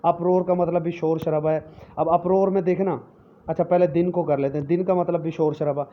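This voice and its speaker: A man teaching English vocabulary in a recorded lecture, explaining each word slowly with many repetitions and frequent check-ins. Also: a little high, steady tone. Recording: dull lo-fi lecture recording with faint noise.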